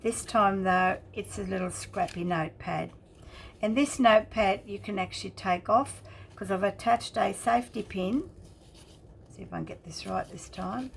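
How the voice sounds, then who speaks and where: Woman, creaky mid-pitched voice, casual craft show-and-tell, chatty, stop-start explanations, slight background noise. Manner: chatty, halting, explaining each detail as she shows it. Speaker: craft channel host. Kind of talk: casual craft flip-through narration.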